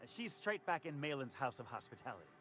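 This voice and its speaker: Shifty fast-talking con man from a game, wheedly and stammery, bouncy sing-song voice. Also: mid-range voice, big pitch swings, a bit bright. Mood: flustered. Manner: stammering, wheedling salesman patter. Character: slippery fast-talking male hustler, nervous and evasive. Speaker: game character.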